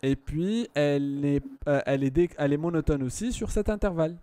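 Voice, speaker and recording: A man's voice: a little high, brisk, a crowd in the background. A man tutoring a student one-on-one in math, patient, often repeating himself and checking that she follows.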